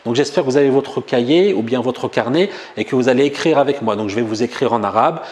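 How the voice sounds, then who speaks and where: A man with a French accent teaching a relaxed language lesson at a whiteboard, chatting and joking, then saying new words slowly and more than once. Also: mid-range voice. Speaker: Arabic teacher. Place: room with a whiteboard.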